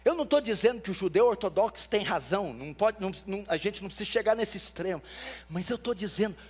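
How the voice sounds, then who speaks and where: A man preaching a sermon as pastor, teaching with emphasis and repetition and rising to shouts at times. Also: high voice, expressive, fast talker. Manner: emphatic teaching, rises to shouts, repeats for stress.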